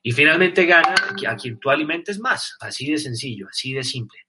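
A man's voice: fairly high pitch, expressive, a little fast, background noise. A man with a Colombian accent giving a live motivational talk on leadership, earnest, putting direct questions to the listener. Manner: earnest, many fillers and restarts, asks the listener direct questions.

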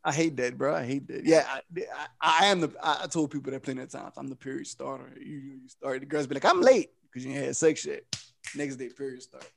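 A man's voice: medium pitch, fast talker, creaky. A man in his thirties, a podcast guest, talking in a casual, profane, laughing way and telling stories. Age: 30s. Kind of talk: casual chat.

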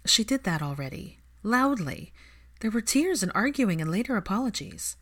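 A woman voicing a guarded, wry young heroine in a measured, dry way, close to her own voice. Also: mid-range voice, very animated, pitched above the performer's own voice.

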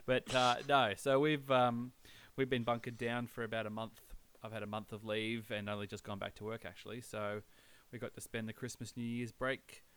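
A man's voice: medium pitch, flat delivery, normal speed, hardly any pauses, fairly bright tone, clear, resonant tone. An Australian man hosting a podcast in casual chat, with a laconic, laid-back drawl. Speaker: podcast host.

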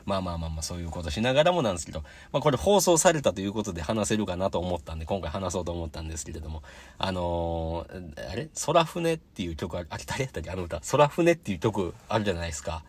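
Low, husky and very animated, this young man talks quickly as he hosts a casual solo podcast in a Kansai Japanese accent. He recounts his day and acts out the people in his anecdotes.

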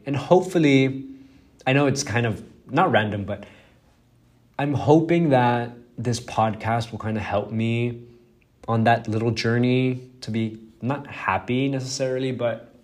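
Speaking in a mid-range voice with a darkish tone, a young adult podcast host, originally a Spanish speaker, goes solo. His casual talk is rambling and self-critical, thick with fillers and profanity.

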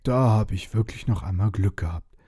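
A man's voice: on the low side, moderate pace, mellow, husky, no echo, clean studio sound. A man voicing an old, bumbling male dragon who scares easily, grumbling and wondering aloud in a storybook. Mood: puzzled.

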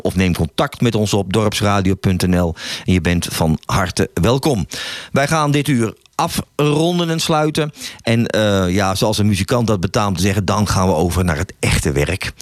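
A man's voice: fairly low pitch, dry recording, studio quality. A middle-aged man hosting a village radio show, talking earnestly and stumbling and restarting now and then. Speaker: local radio host. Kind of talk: casual radio talk and poem reading. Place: small radio studio.

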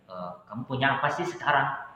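A man speaking as an interview guest, hesitant with many pauses and restarts, growing lively as he recounts events. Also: mid-range voice, slight background noise. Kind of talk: candid personal conversation. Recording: echoey room, dull sound.

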